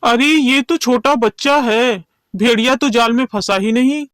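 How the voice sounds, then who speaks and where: A man's voice: very high-pitched, a little slow, a bit bright, smooth, no room sound. A man voicing an anxious village man in a cartoon story, who speaks in an earnest, agreeing way. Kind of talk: cartoon voice acting.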